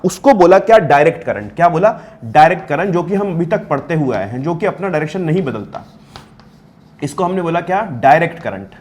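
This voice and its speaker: A man's voice: a little high, a little mellow. A man lecturing on physics to students, asking questions and answering them himself, repeating key terms and mixing in English technical words. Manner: mixes English technical terms into his talk. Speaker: physics teacher. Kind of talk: classroom lecture.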